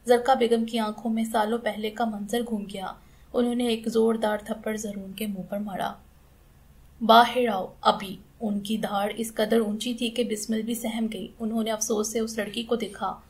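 Woman narrating a novel, gravelly. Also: fairly high pitch, normal speed. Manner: steady, expressive storytelling. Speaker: audiobook narrator.

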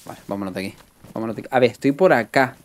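A man's voice: mid-range voice, rapid-fire. Chatty young man streaming a game. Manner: chatty, greets and thanks viewers. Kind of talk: live gameplay commentary.

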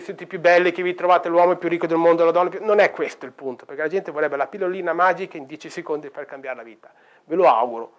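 A middle-aged man giving a lecture on sound healing in a bookshop, telling stories and singing vowels as examples. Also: a little high. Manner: chatty storytelling, demonstrates sung vowels.

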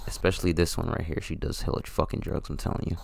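A man streams his reaction to a video, throwing out crude, slangy mockery. His voice sits very low with a gravelly fry, and clear background noise runs underneath. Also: flat delivery, fast talker. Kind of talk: casual reaction commentary.

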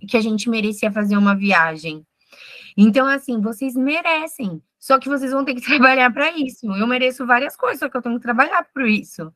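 Woman trainer, 30s, frank and energetic, bright dry video-call voice. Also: a little high, dry recording. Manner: frank, energetic, fires off questions. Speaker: finance trainer. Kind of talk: online group class.

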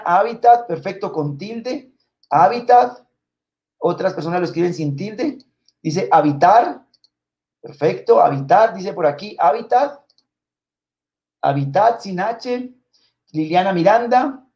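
High-voiced man hosting live spelling trivia. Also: vocal fry, muffled recording. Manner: warm, grateful, reads out names and comments; frequent fillers and repeated words. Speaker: live quiz host. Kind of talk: live-stream spelling trivia, reading viewer comments.

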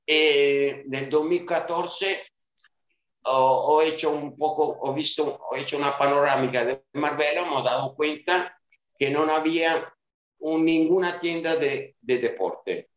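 With a fairly high-pitched voice and a measured pace, a Sicilian club director in his fifties gives casual interview answers in Italian-accented speech. He falters often, with plenty of fillers and restarts, and his webcam call from a small room at home sounds roomy and dull.

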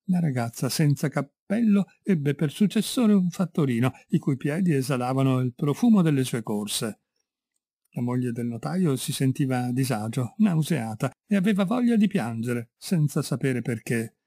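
A man with an Italian accent narrates a classic short story in a measured, expressive way. His voice is husky and mid-pitched, recorded close in a dry room. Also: no room sound. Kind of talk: literary audiobook reading.

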